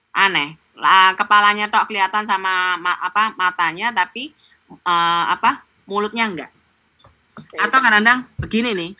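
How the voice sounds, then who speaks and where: A middle-aged woman training insurance agents over a video call, talking fast and chatty, with playful acted-out examples. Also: medium pitch, sharp tone. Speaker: insurance agent teaching sales technique. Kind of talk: live online training session.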